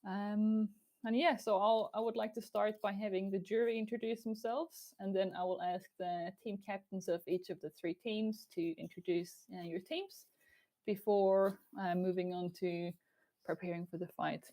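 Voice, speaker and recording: A woman's voice: medium pitch, fairly even intonation, normal speed, dark tone. A woman chairing an online event in a semi-formal way, speaking over a video call. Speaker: chair and host.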